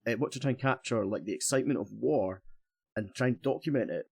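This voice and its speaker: A Scottish man hosting a casual interview over a video call, chatty and quick to laugh. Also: medium pitch, vocal fry, darkish tone, breathy edge, no echo. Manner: chatty, laughs often, self-deprecating. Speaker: podcast host. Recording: dry.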